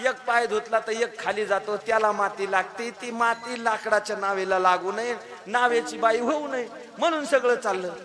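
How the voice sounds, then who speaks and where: A man's voice: high-pitched, moderate pace, crowd noise, close to an everyday voice. A man doing a humble, pleading old-style boatman. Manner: pleading, folksy, explaining.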